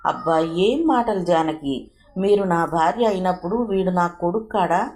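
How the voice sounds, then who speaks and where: A woman voicing an earnest young man who pleads gently and persistently in a storybook reading. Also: on the low side, expressive, measured pace. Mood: pleading. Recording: roomy echo, faint hiss.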